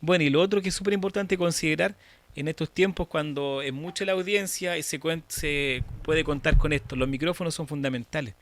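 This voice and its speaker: A man with a Chilean accent teaching an online church course, talking directly to students in a lively, demonstrative way over a video call. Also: a little high, brisk, a little hiss or hum. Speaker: church course instructor and moderator.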